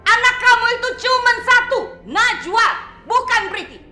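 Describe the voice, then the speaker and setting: A woman's voice: very high voice, expressive, normal speed, bright, forceful tone, reverberant, heavily acted. A woman dubbing a scornful, scheming middle-aged mother in a TV drama, accusing and insistent. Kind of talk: dubbed TV drama.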